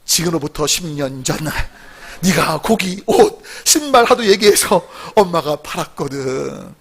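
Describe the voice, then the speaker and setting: A man voicing a poor, weary widowed mother who speaks softly and sadly. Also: on the high side, expressive, gravelly, husky, full character voice. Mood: sorrowful. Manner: soft, slow, subdued.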